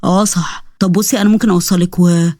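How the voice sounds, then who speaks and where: A woman's voice: fairly low pitch, steady tone, quick pace, mellow, no echo, voice pushed down, close to an everyday voice. A woman voicing a proud, sarcastic young man with an Egyptian accent, speaking in a dry, wry manner.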